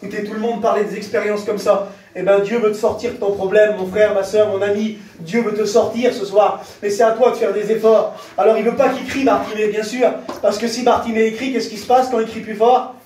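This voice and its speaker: A man preaching a fervent sermon to a congregation, speaking directly to them and rising into shouts. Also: sits high, level tone, a little fast, slight background noise. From France. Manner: impassioned, rises to shouts, addresses the crowd directly. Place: church. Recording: very echoey church hall, heard from a distance.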